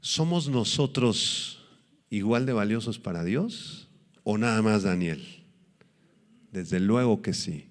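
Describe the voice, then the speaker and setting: Man preaching in an echoey hall. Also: fairly low pitch. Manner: animated preaching, acts out quoted voices, slows for emphasis. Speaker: pastor. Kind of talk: sermon.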